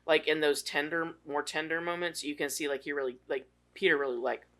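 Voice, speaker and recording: Movie podcast dude rambling, bright sharp voice, lots of restarts. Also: male voice, a little high, fairly quick. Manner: talkative, trails off and restarts, animated. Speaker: podcast co-host. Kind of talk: casual movie chat.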